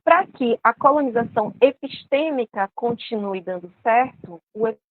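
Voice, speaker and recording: A woman with a Brazilian Portuguese accent gives an online lecture in a measured, explanatory way, often adding tag questions, until her video-call audio cuts out mid-word. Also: a little high, lively intonation, no room sound. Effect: video-call audio cutting out mid-word. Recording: tinny video-call line dropping out.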